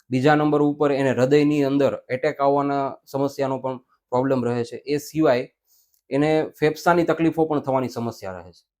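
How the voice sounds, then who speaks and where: A man, an ENT doctor answering interview questions in a measured, explanatory way, mixing in English medical terms. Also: fairly high pitch, a little mellow.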